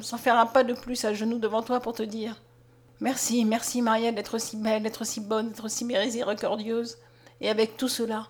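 A woman reads a gentle blind young man from a storybook, low-spoken and tender. The voice sits fairly high, yet stays hushed and mournful throughout. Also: natural voice. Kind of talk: audiobook character reading.

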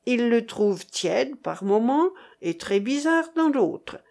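A woman reading aloud, voicing a flattering, scheming male recruiter. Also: a little high, takes it slowly, creaky, exaggerated voice. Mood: confiding.

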